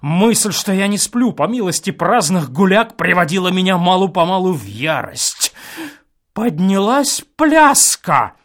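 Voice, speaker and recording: Slow, expressive male story narrator. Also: sits high. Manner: expressive, drawn-out delivery. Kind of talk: audiobook reading of a story.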